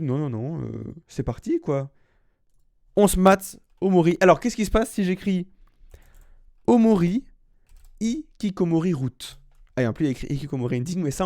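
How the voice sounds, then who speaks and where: Guy streaming a chill reaction live, dark mellow voice, rambles a lot, faint music behind. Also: on the high side, no room sound, clean studio sound. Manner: rambling, slangy, restarts often.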